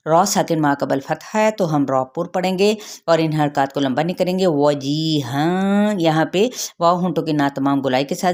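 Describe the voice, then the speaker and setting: A woman gives a tajweed lesson. She explains each recitation rule patiently, checks in with her students often, and then recites the words slowly and carefully. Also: deep voice, darkish tone. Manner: patient, repeats rules, checks with "theek hai". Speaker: Quran recitation teacher.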